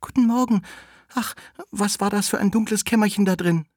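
Storybook little girl, innocent, wide-eyed, high falsetto , by a man. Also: normal speed, a little mellow, no echo, studio quality. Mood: cheerful.

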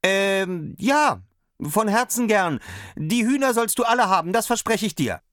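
A man voicing a tiny, frightened boy tailor in a storybook reading, with a high piping voice and urgent, drawn-out calls. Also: expressive, fairly bright tone, no room sound, studio quality. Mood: eager.

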